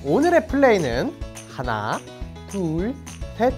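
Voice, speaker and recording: A young man presenting a children's toy show in a booming, exclamatory way as he addresses the kids. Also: wildly swooping pitch, slow, over loud music. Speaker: kids' toy show host. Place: small indoor studio. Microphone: lapel mic.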